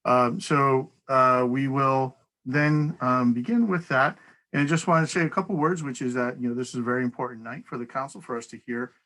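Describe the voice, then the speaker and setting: Bright-voiced man chairing a public hearing. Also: mid-range voice, fairly even intonation, fairly quick, low-quality recording. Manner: easygoing and procedural, with light laughs. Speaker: council meeting chair. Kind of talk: chairing a public hearing over video call. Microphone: video call.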